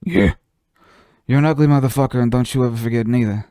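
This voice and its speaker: A man voicing a crude, rude male goblin henchman with a gruff, insulting manner. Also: medium pitch, fast talker, warm tone, no room sound, studio quality, voice pushed up, lightly acted.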